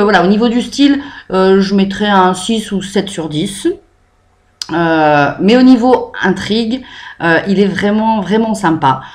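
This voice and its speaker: Chatty French woman reviewing a book. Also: mid-range voice. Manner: chatty, many "euh" fillers, improvised. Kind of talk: improvised book review to camera.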